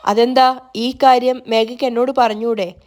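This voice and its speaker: A woman voicing a doting young father who talks gently and coaxingly to his daughter. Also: fairly high pitch, steady tone, moderate pace, lightly acted.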